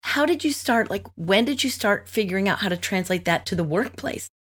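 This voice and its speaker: A woman host at a middle pitch who asks her guest thoughtful, probing questions in an interview. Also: expressive, brisk, husky. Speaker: podcast host.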